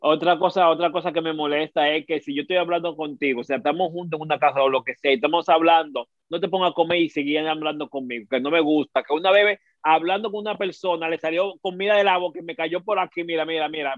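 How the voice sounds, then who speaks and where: A man's voice: a little high, fast talker, hardly any pauses, dry recording. Man on a tinny line. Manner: talks in long run-on turns, exclaims religious oaths. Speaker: panelist. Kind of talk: casual group chat. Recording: tinny phone-like radio sound.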